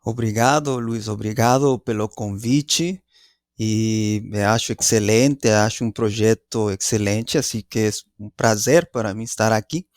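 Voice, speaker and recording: A man in his forties from Mexico, speaking with a Mexican Spanish accent as a non-native speaker, answering as a guest professor in a deliberate way, searching for his words. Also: lowish voice, no room sound, clean studio sound. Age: 40s. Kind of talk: conversational interview answer.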